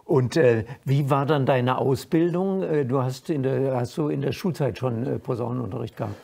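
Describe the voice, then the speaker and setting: An older man hosting a formal interview in a studio, speaking in a measured way with frequent fillers. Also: mid-range voice, creaky, mellow. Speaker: host, interviewer. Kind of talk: moderated interview. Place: dark studio stage, indoors.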